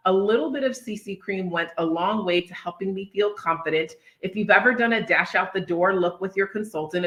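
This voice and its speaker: A woman's voice: lowish voice, fairly bright tone. A woman hosting a casual online bingo night like a bingo caller, announcing and presenting to the players. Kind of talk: casual live product presentation.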